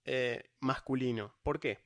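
A young man with a Rioplatense Spanish accent, casually explaining tabletop lore as a podcast host, animated, with frequent restarts. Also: medium pitch, a little slow, dry recording. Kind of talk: casual chat.

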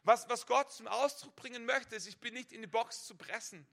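A male preacher with a high voice, a gravelly edge and a sharp, forceful tone. He delivers a sermon in direct address and stacks one rhetorical question on the next. He often restarts a phrase by doubling its first word. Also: moderate pace. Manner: stacks rhetorical "what if" questions, repeats words when starting.

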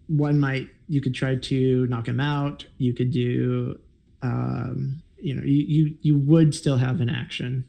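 Gravelly, mellow-voiced male game master. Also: mid-range voice, slow. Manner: relaxed, rambling with frequent fillers. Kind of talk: running a tabletop game.

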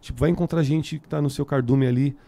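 A man's voice: mid-range voice, fairly even intonation, fast, gravelly, dark tone. A man with a São Paulo Brazilian Portuguese accent chatting casually in very slangy street talk, as a musician guest on a podcast. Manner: heavily slangy, filler-laden street talk. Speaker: band musician, interview guest.

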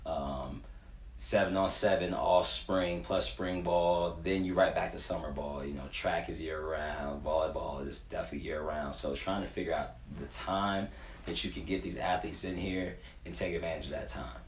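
This is a man in his twenties with a low-pitched, steady voice at ordinary speed. As an interview guest and youth sports performance coach, he's earnest yet informal, slangy, and leans on "you know." Echo and faint noise come through from the room.

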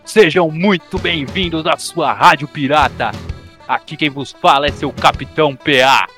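A man voicing a blustering pirate captain who opens a pirate radio broadcast, loud and gruff, heard from a distance. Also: a little high, moderate pace, soft background music. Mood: boisterous. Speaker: podcast host.

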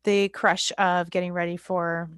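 A woman's voice: fairly low pitch, a little slow, clean tone, no echo, studio quality. A woman co-hosting a podcast in casual chat, encouraging and telling stories with animation. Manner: warmly encouraging, animated storyteller. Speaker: podcast co-host.

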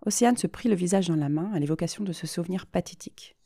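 A woman reads a story aloud in a steady, expressive way, her voice low and warm. The recording is close and dry, with no room sound. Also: quick pace, creaky, no room sound. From France. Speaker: podcast host and reader. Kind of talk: storybook narration.

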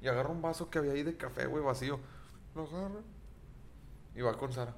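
A man's voice: medium pitch, fast, a little hiss or hum. A young Mexican man casually telling a story as a podcast co-host, slangy and laughing often. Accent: Mexican Spanish. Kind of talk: casual chat.

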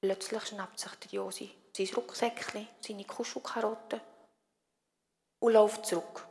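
A woman telling a children's story gently, often dropping to a whisper. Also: mid-range voice, steady tone, a little slow, creaky, in a large hall, slight background noise.

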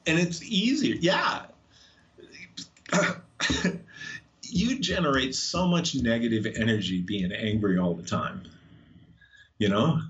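A man's voice: medium pitch, lively intonation, slow, long pauses, fairly bright tone. Texan man, middle-aged, blunt and sarcastic storyteller, easygoing, slightly muffled lo-fi audio. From Texas. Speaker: guest. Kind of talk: casual storytelling chat.

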